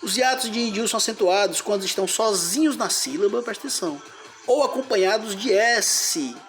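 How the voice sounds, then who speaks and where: A man's voice: sits high, animated, a little fast, a bit bright, faint music behind. A man teaching a grammar lesson, explaining step by step and splitting words into syllables.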